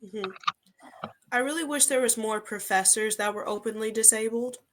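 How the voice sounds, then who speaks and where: A woman's voice: fairly high pitch, moderate pace. A young woman in her twenties hosting a casual interview, chatty and full of "like" fillers. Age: 20s. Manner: chatty, frequent "like" fillers, lively when quoting others. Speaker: host.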